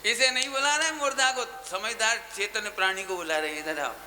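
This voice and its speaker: A man delivers a Jain sermon with a very bright, piercing tone. He is animated and fires off rhetorical questions, then drops into quieter asides. A faint hiss sits under the recording. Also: high-pitched, fairly quick, poor audio. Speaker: Jain preacher. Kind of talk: religious discourse at a camp. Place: gathering hall with audience.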